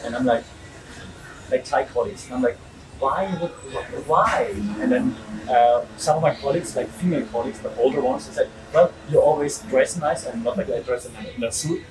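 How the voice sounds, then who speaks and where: A man's voice: mid-range voice, a little fast, recorded from a distance, background noise. A man with a German accent hosting a podcast, chatting in a rambling way with frequent restarts and laughs. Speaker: podcast host. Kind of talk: casual interview chat.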